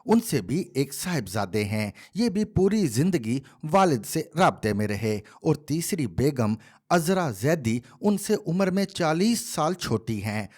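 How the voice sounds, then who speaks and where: A man reading a column aloud in measured, expressive scripted narration. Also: mid-range voice.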